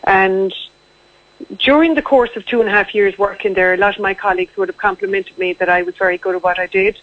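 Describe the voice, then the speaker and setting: A woman's voice: mid-range voice, steady tone, brisk, no room sound. A woman speaks with a west of Ireland accent over a thin, phone-like line. She is an interview guest recounting things in a conversational, matter-of-fact way, in a mid-range voice with little room sound. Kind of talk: radio interview, recounting own story. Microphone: telephone. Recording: tinny narrow-band phone line.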